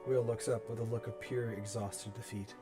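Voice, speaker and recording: A man reading the stage directions of his own horror script aloud at a table-read, in a measured, solemn way. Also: lowish voice, steady tone, over music. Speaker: writer and narrator. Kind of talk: dramatic script narration.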